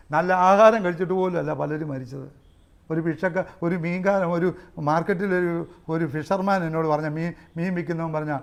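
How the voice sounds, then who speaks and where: High-voiced shouting pastor. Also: male voice, vocal fry. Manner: swings between shouting and near-muttered asides, with tongues and exclamations. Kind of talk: Pentecostal sermon.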